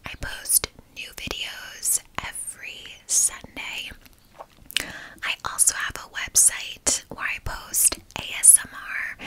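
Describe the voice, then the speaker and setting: In this low-quality recording, a woman who hosts ASMR videos leads a guided visualization in a soft, breathy whisper with no voicing. Her manner is soothing and gentle, loose and rambling.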